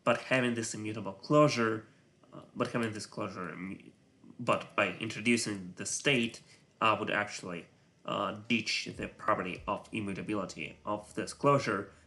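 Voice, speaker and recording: A man whose first language is Russian, speaking English with a Russian accent while thinking aloud on a live coding stream, halting and full of filler sounds. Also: fairly low pitch, steady tone, bright, forceful tone. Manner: halting, many filler sounds, muttering to himself; self-conscious about his English voice.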